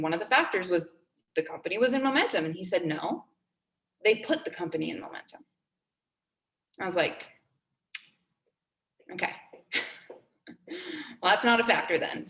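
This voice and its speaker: A woman's voice: lowish voice, fairly bright tone, echoey room. A woman in her twenties giving a motivational talk to her team, earnest and upbeat, repeating key phrases for emphasis. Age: 20s. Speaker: team trainer.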